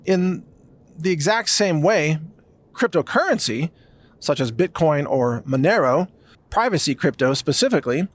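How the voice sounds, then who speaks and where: Emphatic man with a higher voice. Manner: emphatic, builds with lists of phrases. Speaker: podcast host. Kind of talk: monologue commentary.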